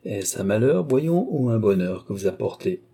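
A man's voice: on the low side, animated, measured pace, warm tone, husky, full character voice. A man reading an audiobook, voicing an old, restless and irascible baron who speaks curtly.

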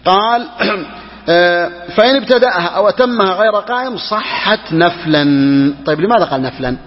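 Brisk high-voiced man teaching in a hall. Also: expressive, dull audio. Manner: quick, repeats key phrases for emphasis. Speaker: sheikh teaching Hanbali jurisprudence. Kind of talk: religious lesson explaining a text.

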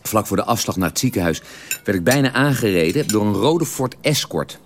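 A man in a radio drama telling a long, detailed story at the dinner table in a measured, drily precise way. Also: on the low side, lively intonation, a little hiss or hum. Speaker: character telling an anecdote at a family dinner.

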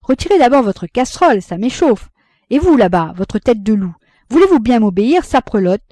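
A woman's voice: fairly high pitch, very animated, moderate pace, warm tone, no echo, clean studio sound, voice pushed up. A woman reading a novel aloud, voicing a playful young woman who gives orders to her guests. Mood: commanding. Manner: commanding, teasing.

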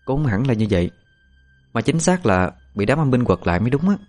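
A man's voice: medium pitch, sing-song, brisk, a little mellow, faint music behind, voice pushed up. A man voicing a defiant young woman with a mocking, teasing manner. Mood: explaining.

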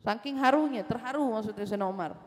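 Woman preacher, echoing hall. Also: fairly high pitch. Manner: recites Arabic verses slowly and loudly, then explains them in casual speech. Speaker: religious teacher. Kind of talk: sermon. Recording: long hall reverb.

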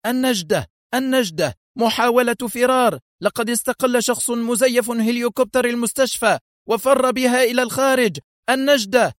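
A man voicing a frantic male hospital guard shouting for help over a radio. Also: very high-pitched, a little fast, no room sound, clean studio sound, pitched above the performer's own voice. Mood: panicked.

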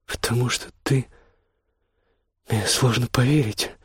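A man voicing a grown woman in love, asking soft, hesitant questions in an audiobook. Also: medium pitch, fairly even intonation, unhurried, husky, no room sound, clean studio sound. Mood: curious. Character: grown woman, lover, shy and curious. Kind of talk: audiobook dialogue.

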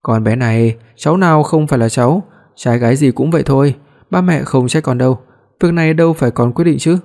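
Imagine a middle-aged mother who fusses and scolds her grown son, as read by a male storyteller. She nags in a mellow, warm voice. It is a family scene in a spoken story. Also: medium pitch, fairly quick, close to an everyday voice. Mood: scolding. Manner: scolding, fussing.

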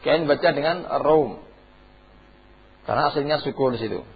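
On a dull, lo-fi classroom tape, a tajwid teacher with a husky, somewhat high voice speaks at a moderate pace. He teaches Quranic recitation rules, posing questions to his class and chanting examples in between.

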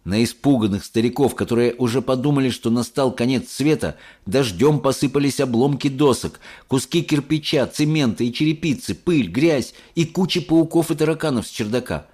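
A man reading a children's story aloud as an expressive audiobook narrator. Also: mid-range voice.

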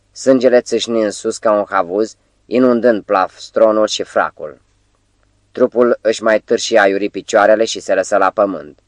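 A man narrating an audiobook in a measured, dramatic storytelling manner. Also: on the low side, no room sound.

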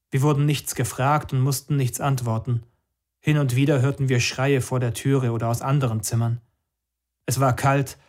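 Man narrator, calm, somber, measured reading, first person. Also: mid-range voice.

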